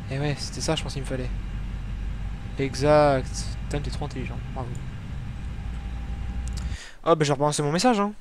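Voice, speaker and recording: A man's voice: a little high, fairly quick, pauses often, noisy background. Chatty French man narrating gameplay. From France. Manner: chatty, rambling, many fillers and self-corrections. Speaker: flight sim video host. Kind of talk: casual gameplay commentary. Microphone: desktop microphone.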